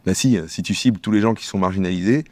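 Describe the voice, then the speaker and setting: Male sketch comedian, low register, rapid-fire bickering delivery, dry close sound. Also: no echo. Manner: quick, bickering back-and-forth between two characters.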